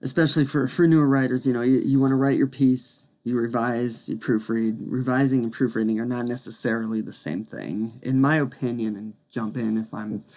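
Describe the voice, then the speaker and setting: A man's voice: medium pitch, steady tone, a little fast, hardly any pauses, warm tone. A man hosting a casual podcast chat, chatty and self-deprecating, often laughing at himself. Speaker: podcast host.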